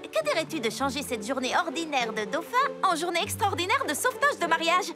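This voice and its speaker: A woman voicing a cheerful, energetic young girl heroine in an animated series dub, bubbly and quick. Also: very high-pitched. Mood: excited. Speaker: lead character. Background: music.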